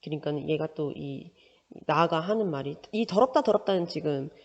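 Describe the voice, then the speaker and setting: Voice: medium pitch, normal speed, creaky. A Korean literature teacher reading a story aloud and explaining it, checking in with frequent rhetorical questions. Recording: dull lo-fi sound with long reverb.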